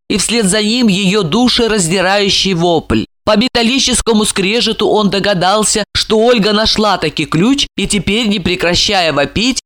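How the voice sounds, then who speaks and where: A man narrating an audiobook with expressive, lively storytelling. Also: high voice, no room sound, studio quality.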